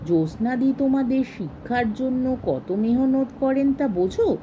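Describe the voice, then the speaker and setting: A woman's voice: high voice, expressive, normal speed, dark tone, lo-fi sound, slight background noise. A woman reading a story aloud and voicing a naive, eager lady who speaks politely.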